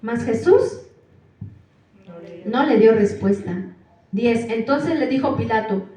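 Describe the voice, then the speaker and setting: A woman preacher reads scripture verse by verse in a church hall, announcing verse numbers and putting questions to her listeners. She speaks slowly in a fairly high, mellow voice. The sound is distant and echoey, captured from far off in the hall.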